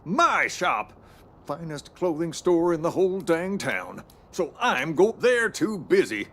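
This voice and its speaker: A cantankerous old man with an Old West American drawl, blustering like a folksy cowboy sidekick. His voice sits on the high side and jumps around freely, in the proud, stubborn manner of a game shopkeeper. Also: very animated, slow pace, a bit bright, exaggerated voice. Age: older. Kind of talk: video game character acting.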